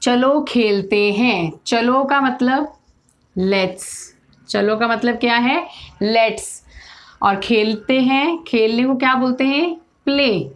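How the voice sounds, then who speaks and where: A woman's voice: a little high, slow. A young woman teacher, giving a spoken English lesson to children and explaining each phrase word by word.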